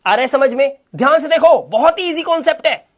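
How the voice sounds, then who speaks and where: A teacher from India giving a phonics lesson in Hindi, slowly spelling out vowel sounds and repeating example words. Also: sits high, animated. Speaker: English teacher.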